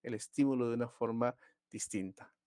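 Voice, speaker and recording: A man teaches a live online class in a relaxed, conversational way. He pauses often with fillers and stops to ask whether his students are following. The recording is dry, with no room echo. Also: mid-range voice.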